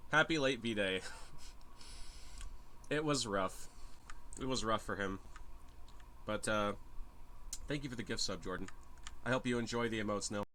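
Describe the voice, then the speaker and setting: A man's voice: mid-range voice, sharp tone, a little hiss or hum. Rambling wry man streaming a game. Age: 30s. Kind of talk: casual live-stream commentary.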